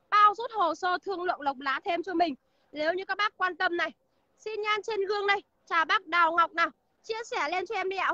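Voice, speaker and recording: A woman pitches used cars in a very high, bright, ringing voice, rattling off features and prices. She greets her viewers by name as she goes. The sound is dry and a bit dull, like a phone stream from an outdoor car lot. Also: no echo. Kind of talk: livestream sales pitch.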